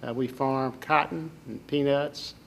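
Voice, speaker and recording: Older man with an Alabama accent, creaky voice. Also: medium pitch, steady tone, measured pace, fairly bright tone, slight background noise, rough recording. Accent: Southern Alabama. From southern Alabama, US. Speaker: political candidate. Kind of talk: interview answers.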